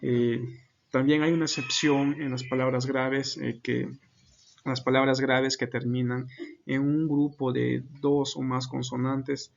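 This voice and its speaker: A man's voice: mid-range voice, little pitch movement, measured pace, vocal fry, dull audio. A man giving an unscripted class presentation, hesitant, with many fillers and self-corrections. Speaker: student presenter.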